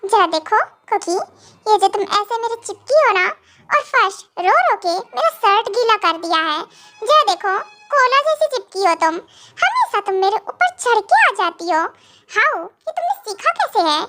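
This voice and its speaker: A woman's voice: very high voice, very animated, normal speed, bright, forceful tone, soft background music, heavily acted. A woman voicing a stern, possessive young husband in a fan audio drama, scolding and then coaxing.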